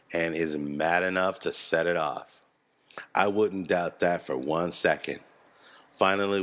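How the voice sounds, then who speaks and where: A man giving casual video commentary, animated, chuckling and swearing freely as he analyzes scenes. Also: low-pitched. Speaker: video creator analyzing a TV series.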